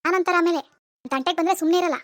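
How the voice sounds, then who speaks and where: A woman's voice: very high-pitched, racing, dry recording, studio quality. A woman voicing a grieving, defensive mother-in-law in a cartoon. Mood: indignant. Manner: wailing laments, then stern rebukes. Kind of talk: animated cartoon voice acting.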